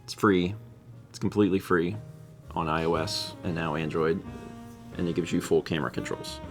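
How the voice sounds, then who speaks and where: A man's voice: low voice, steady tone, moderate pace, over music. A man hosting a casual livestream, rambling and repeating himself as he muses and reads out viewer comments. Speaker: livestream host.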